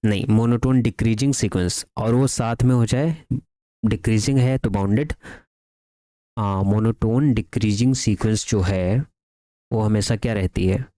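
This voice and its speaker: A man giving a math lecture that mixes Hindi and English, dictating theorems slowly word by word and asking his students questions that he answers himself. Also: fairly low pitch, dark tone, dry recording.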